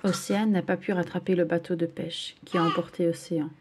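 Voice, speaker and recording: A woman reading a children's story aloud in a gentle, expressive way. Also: on the low side, brisk, noisy background.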